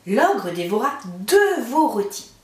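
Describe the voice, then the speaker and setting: Lively woman reading a storybook. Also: a little high, slow. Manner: lively, expressive narration. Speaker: teacher reading to children. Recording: roomy, mic far off.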